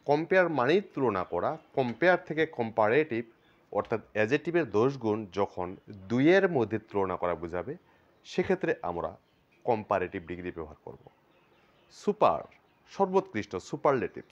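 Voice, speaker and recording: A Bangladeshi man teaches a grammar lesson, and his pitch rises and falls widely as he goes. He explains patiently, one step at a time, and repeats each term. The recording sounds dull and lo-fi. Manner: explains step by step, repeats terms, stretches words slowly to show syllables.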